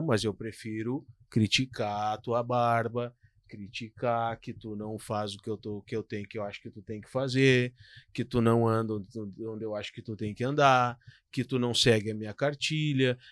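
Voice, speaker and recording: Animated man, dry sound. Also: mid-range voice, normal speed, no room sound. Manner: animated, storytelling, frequent "cara" and "tu". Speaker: podcast co-host. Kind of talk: casual pastoral podcast talk.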